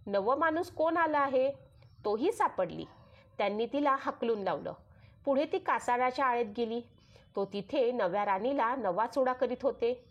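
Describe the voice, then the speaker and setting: A woman with a Marathi accent narrates a traditional devotional story. Her voice sits a little higher than most women's. She keeps a steady, sing-song storytelling rhythm and voices the quoted dialogue inside it.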